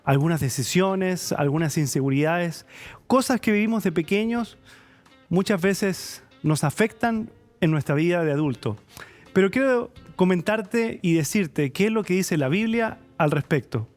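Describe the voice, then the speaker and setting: A man's voice: high voice, animated, unhurried, faint music behind. A Chilean man hosting a church talk show, reading scripture and greeting viewers before chatting with his guest. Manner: warm friendly interviewer, reads scripture and greetings. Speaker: church program host. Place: church studio.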